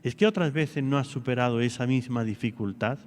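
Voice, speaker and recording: A man's voice: mid-range voice, fairly quick, darkish tone, in a large hall. A priest giving a homily, preaching earnestly and asking his listeners one rhetorical question after another.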